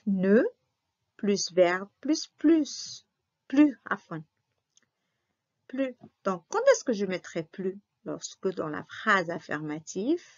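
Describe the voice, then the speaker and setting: A woman gives a slow, careful grammar lesson and repeats every example so that young pupils can follow. Her voice sits at a middle pitch. The recording sounds dull and lo-fi. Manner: patient, repeats and spells out examples. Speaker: teacher. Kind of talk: slow classroom grammar review.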